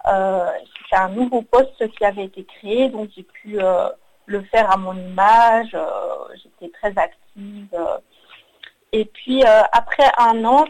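A Belgian woman in her thirties, a work psychologist, tells her personal story as a guest in a radio interview. She's hesitant, with frequent "euh" fillers and restarts. Her voice is medium-pitched with a darkish tone, and the recording quality is low.

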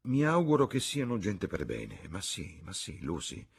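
A man voicing an excitable, self-righteous middle-aged mother who exclaims and fusses in a raised voice. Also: low-pitched, unhurried, creaky, slightly rough, voice pushed up, full character voice. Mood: fussy.

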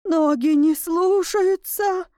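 A woman voicing a timid, cowardly male tutor who squeaks and whimpers in panic. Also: slow, a little mellow, dry recording, clean studio sound. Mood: frightened.

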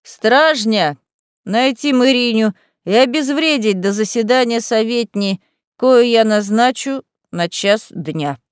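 A woman's voice: medium pitch, big pitch swings, darkish tone, dry recording, studio quality. Mayor Simpleton, a woman doing a drunk slurring mayor. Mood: drunken. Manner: slurred, slow drunken speech. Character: drunk hiccuping middle-aged town mayor, man.

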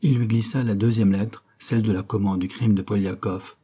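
Husky-voiced male audiobook narrator. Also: lowish voice, steady tone, moderate pace, dark tone.

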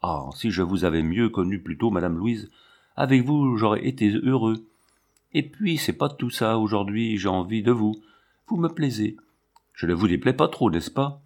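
A passionate, brutal young lion tamer in a storybook reading, as a man reads him. He speaks urgently in a low voice, pleading and demanding by turns. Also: animated, moderate pace, a little mellow.

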